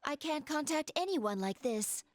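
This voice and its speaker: Man doing a female android girl, raised pitch, formal, polite, faint music. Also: lively intonation, a little slow. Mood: calm polite.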